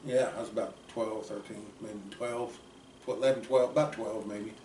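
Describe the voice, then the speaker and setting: A man's voice: fairly low pitch, fairly even intonation, moderate pace. Man, 70s, drawl; folksy storyteller, roomy distant recording. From southeast Kansas. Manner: folksy, drifting, trails off quietly at ends. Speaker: uncle telling stories. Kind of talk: casual rambling storytelling. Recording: roomy, distant mic, faint background noise.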